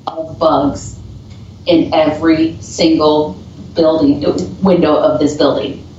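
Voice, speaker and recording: A woman's voice: deep voice, flat delivery, slow pace, mellow, slight background noise. Chatty woman on an echoey, distant line. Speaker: paranormal investigator guest. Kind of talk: casual podcast chat over a call. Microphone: video call. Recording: echoey, distant, dull remote audio.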